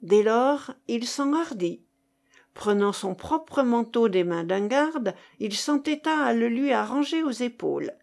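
Woman reading an old novel aloud, slow and careful, voice sits a bit high. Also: creaky. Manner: measured, expressive. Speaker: narrator. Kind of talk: audiobook reading of classic fiction.

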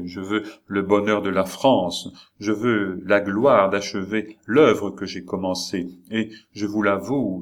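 A proud nobleman sworn to his queen, voiced by a male reader, speaks in an audiobook of a classic novel. His words are earnest and formal, delivered low and unhurried. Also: close to an everyday voice. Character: proud devoted nobleman, middle-aged, cold in anger.

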